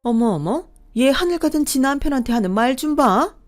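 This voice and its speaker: A woman's voice: high-pitched, animated, a little fast, voice pushed up. A woman voicing a bossy, easily enraged mother-in-law who scolds and sneers. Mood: shrill fury.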